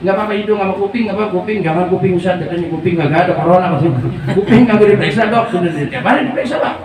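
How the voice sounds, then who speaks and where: A man's voice: high voice, very fast, crowd noise. A man preaching informally to a gathering, telling stories with jokes and slang. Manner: lively, joking, slangy. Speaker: religious preacher. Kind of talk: informal sermon with storytelling. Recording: echoey, distant room mic with faint ambient noise.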